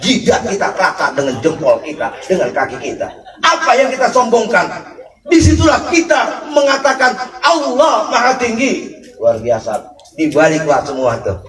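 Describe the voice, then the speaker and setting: Lively preacher, echoey and distant. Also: male voice, high voice, normal speed. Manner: lively, joking, swings from loud shouts to soft murmured prayers. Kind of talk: sermon at a condolence gathering. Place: house gathering. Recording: echoey, voice from far off the mic.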